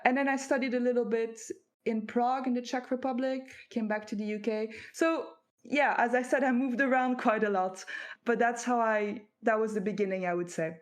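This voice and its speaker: A French woman, a native speaker, talks as a guest author in a conversational interview, reflecting thoughtfully on her path with hesitant fillers. Her voice sits on the high side, with fairly even intonation and a normal pace.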